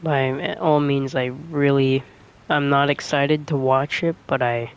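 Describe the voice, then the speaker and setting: A man's voice: mid-range voice, steady tone, slow, clean tone. A young man talking over a game he plays, musing hesitantly with many fillers and restarts. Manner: hesitant, full of "like" and restarts, soft-spoken. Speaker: gaming streamer. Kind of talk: rambling commentary while playing a game.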